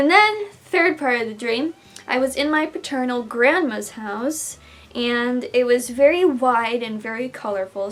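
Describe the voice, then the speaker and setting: A woman's voice: on the high side, a bit bright. A young adult woman with a sore throat, casually recounting dreams in a loose, self-interrupting way as a vlogger. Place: small room at home, indoors.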